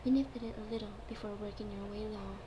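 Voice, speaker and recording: A woman's voice: mid-range voice, steady tone, fast talker. A woman giving an amateur dramatic reading of a story, now and then stumbling over her words and repeating phrases. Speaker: fan fiction reader. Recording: clearly noisy home recording.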